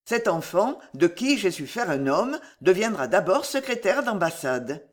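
With a mid-range, very animated voice, the narrator brings to life a sinister, authoritative false priest in a classic-novel audiobook, keeping the delivery measured and domineering.

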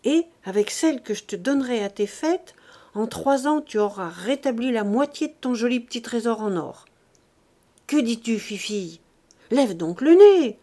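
A domineering old miser of a father, insistent and hectoring, read by a woman. The voice is fairly high yet mellow and warm. It is an audiobook reading with emphatic, pressing delivery. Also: expressive, normal speed. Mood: coaxing. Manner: wheedling then hectoring, emphatic.

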